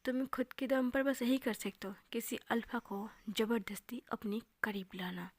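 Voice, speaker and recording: A woman's voice: on the high side, moderate pace, no echo. Brief: a woman doing a scornful young man, taunting and cold, raised voice, dry.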